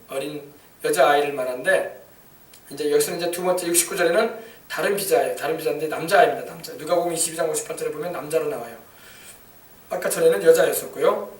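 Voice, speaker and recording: A pastor with a high voice preaches in a church sanctuary, his words ringing through a roomy, echoing space. He stands a little away from the microphone and throws himself into the quoted lines with rising emphasis. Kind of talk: sermon. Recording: echoey church hall, mic at a distance.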